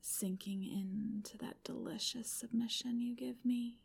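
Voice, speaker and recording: A woman's voice: on the high side, fairly even intonation, unhurried, gravelly, a little mellow, slightly rough. A woman in a whispered ASMR roleplay, speaking in an intimate, commanding whisper.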